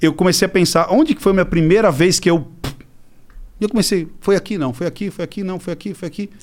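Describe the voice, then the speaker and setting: A middle-aged man with a Brazilian accent, a podcast guest telling a story in a casual, animated way, acting out the people he quotes and swearing freely. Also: sits high, fast. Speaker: podcast guest, body-language specialist.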